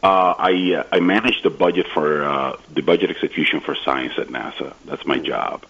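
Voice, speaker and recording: A man from the Dominican Republic, a guest on a radio interview, talking eagerly with many halting restarts. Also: rumbling low, vocal fry, fairly bright tone, husky, lo-fi sound.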